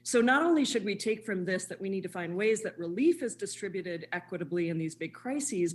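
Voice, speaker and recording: A woman committee member joining a congressional hearing remotely, giving a brisk, earnest statement and question. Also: mid-range voice. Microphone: remote video call.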